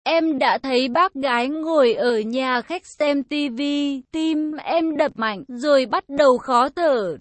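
Slow, high-voiced woman storyteller. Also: no room sound. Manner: dramatic, emotional telling. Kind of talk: first-person story narration.

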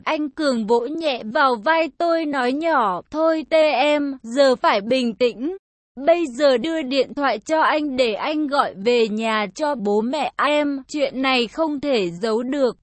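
Woman storyteller, high voice, dry close recording, slow and somber narration. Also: no echo. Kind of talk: first-person story narration.

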